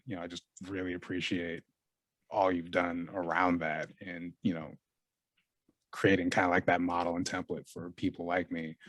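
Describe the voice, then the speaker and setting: A man hosting an interview, speaking casually and haltingly with many fillers. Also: sits low, no room sound. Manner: halting, lots of "you know" fillers. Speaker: interview host.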